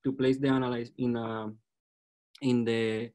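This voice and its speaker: A man in his twenties with a Puerto Rican accent, giving an academic presentation as a student researcher in a halting way, repeating words. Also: medium pitch, little pitch movement, a little mellow. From Puerto Rico. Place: online video call.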